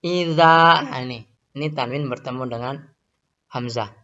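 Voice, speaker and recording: Bright-voiced male tajwid teacher, lo-fi. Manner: explains calmly, then chants Arabic examples slowly, louder and higher. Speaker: Quran recitation teacher. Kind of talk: tajwid lesson with recited examples.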